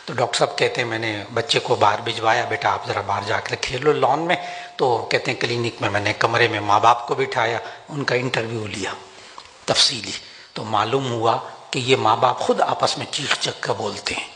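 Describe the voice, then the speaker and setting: Addressing a packed large hall, an older man gives an emphatic, lively sermon as a religious scholar. When he stresses a point his voice rises, and he eases the pace for Quranic prayers, all heard through long reverb with a faint noise floor.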